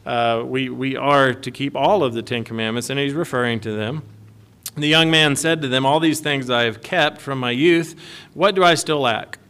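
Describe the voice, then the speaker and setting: Folksy man preaching, smooth voice. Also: mid-range voice, normal speed, a bit bright. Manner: conversational, folksy, laughs between points. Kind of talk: sermon.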